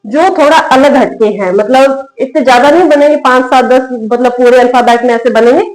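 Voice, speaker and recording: A woman's voice: high voice, fairly quick, a little mellow. A woman teaching a spoken English lesson, patient and repetitive, asking the viewer questions and repeating each word. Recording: echoey room.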